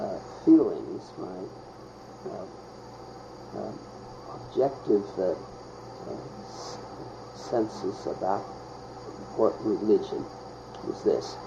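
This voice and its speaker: An older man from Pittsburgh tells his childhood memories slowly in a gravelly voice, his pitch rising and falling as he goes. He halts often and hunts for words. The recording is muffled, with loud crickets and insects behind him. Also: background noise. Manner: halting, searching for words with many pauses. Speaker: oral history interviewee. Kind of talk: reminiscing in an interview.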